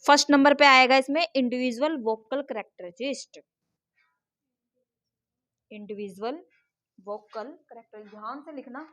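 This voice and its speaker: High-voiced woman teaching a class. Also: a little slow, long pauses, fairly bright tone. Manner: scolds and teases students. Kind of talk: classroom lecture.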